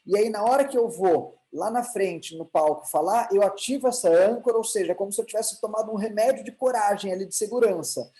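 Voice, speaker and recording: A man's voice: high voice, brisk, few pauses, mellow, poor audio. A man with a Brazilian Portuguese accent giving an online lecture, asking rhetorical questions and answering them himself, with frequent restarts. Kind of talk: online lecture on emotional intelligence.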